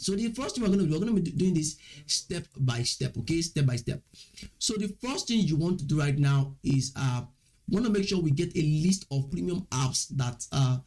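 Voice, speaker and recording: A man's voice: fairly high pitch, mellow. A young man with a Nigerian accent, chatty and persuasive, walking viewers through an online money-making tutorial. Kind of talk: screen-share tutorial.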